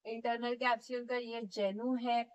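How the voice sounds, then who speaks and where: A woman's voice: on the high side, little pitch movement, measured pace, dull audio. A woman teaching physiotherapy in a step-by-step classroom lecture, often checking in with her students and demonstrating movements as she explains.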